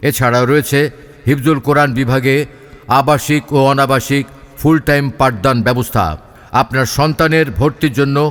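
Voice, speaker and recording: A man's voice: on the high side, fairly bright tone. Bangladeshi male announcer with long reverb. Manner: formal, declamatory. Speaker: announcer for a school admission advertisement. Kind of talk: scripted promotional announcement.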